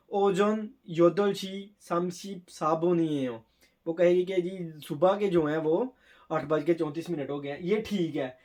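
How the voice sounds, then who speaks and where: A man's voice: a little high, a little mellow. Man tutoring casually, repeating key words. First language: Urdu. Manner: sounds out Korean words slowly. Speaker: Korean test tutor. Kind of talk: casual spoken lesson.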